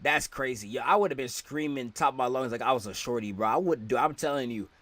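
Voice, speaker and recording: A man's voice: medium pitch, fast talker, a bit bright, dry recording. A man streaming a casual reaction to a video, slangy and incredulous.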